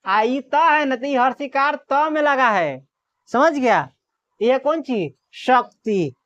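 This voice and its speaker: A woman's voice: high-pitched, expressive. Woman teacher drilling Hindi reading. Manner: drills by asking questions and answering them herself; sounds out letters slowly one by one. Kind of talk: classroom lesson. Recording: dull lo-fi recording.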